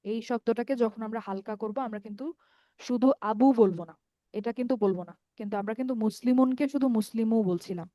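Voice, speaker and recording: A woman teaching an online Arabic grammar lesson in Bengali with a Bangladeshi accent. She explains patiently, step by step, slowly repeats word forms with drawn-out vowels and keeps checking that her students follow. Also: fairly high pitch, no echo, muffled recording.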